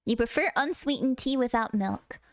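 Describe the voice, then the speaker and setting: A woman's voice: fairly high pitch, normal speed, no room sound, studio quality. A woman streaming a game, chatting in a bubbly, casual way with frequent swearing. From United States. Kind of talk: casual gaming stream chat.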